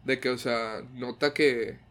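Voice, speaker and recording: A man's voice: medium pitch, fairly even intonation, slow, a bit bright. A young man chats casually. He rambles through his thoughts in slangy, everyday speech, leaning on filler words as he goes. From Mexico. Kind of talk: casual chat.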